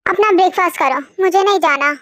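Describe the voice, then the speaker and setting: A woman voicing a sulking, sharp-tongued young wife in a fan audio drama, snapping back at her husband. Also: very high voice, quick pace, no echo, studio quality. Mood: sulky. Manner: sharp, scolding retorts.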